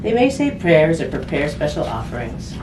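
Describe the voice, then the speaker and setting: A woman reads a picture book aloud to children, speaking to them directly and explaining things simply. Her deep voice has a sing-song quality and a moderate pace. The mic is distant, giving a roomy echo with clear background noise.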